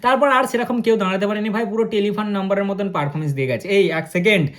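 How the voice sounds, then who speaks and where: A man, talking fast and excitedly as he reviews a cricket match and speaks straight to his viewers. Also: high voice. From India. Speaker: cricket vlogger.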